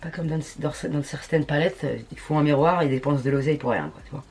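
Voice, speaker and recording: A woman's voice: deep voice, fast talker, a little mellow, a little hiss or hum. A woman chatting casually at home while testing makeup, full of crude slang and self-mocking jokes. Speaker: beauty vlogger. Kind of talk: casual makeup tutorial chat.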